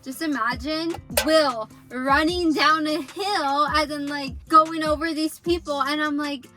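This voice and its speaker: Brief: young female vlogger, high-pitched, giggly, excitable casual storytelling. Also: measured pace, soft background music. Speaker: vlog co-host.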